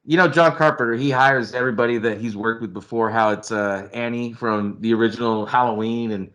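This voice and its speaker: A man co-hosting a podcast, chatting excitably about a film, laughing often and humming tunes. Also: mid-range voice, brisk. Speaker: podcast co-host. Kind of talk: casual movie chat.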